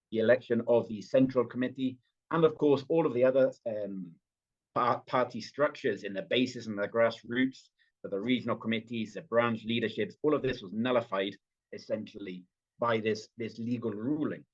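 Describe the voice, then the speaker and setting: The lo-fi audio captures a medium-pitched man from Britain whose British accent has some Venezuelan influence. He is a party official guesting on a podcast remotely, speaking fluently though with plenty of fillers and restarts.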